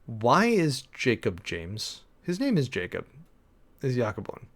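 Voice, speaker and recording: Male preacher, creaky gravelly voice, casual rambling sermon-prep talk with fillers. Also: medium pitch, wildly swooping pitch. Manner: rambling, thinking aloud with many fillers and restarts; reads and parses Greek text slowly.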